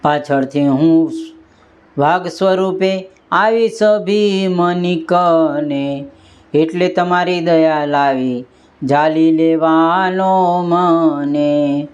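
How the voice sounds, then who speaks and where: A man voicing the god Shiva as a calm divine male figure, chanting verse in a steady melody in a dull lo-fi recording. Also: on the high side.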